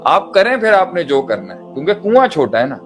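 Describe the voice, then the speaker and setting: A man preaches a motivational sermon in a slightly high voice with huge pitch swings, speaking a little fast. He drives his point home with repeated rhetorical phrases and mixes in English terms, while music plays beneath.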